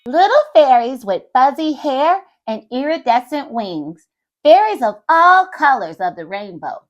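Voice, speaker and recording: A woman reading a picture book aloud to young children in an animated way, stopping to talk to her listeners. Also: high voice, a little slow, muffled recording. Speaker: children's storyteller.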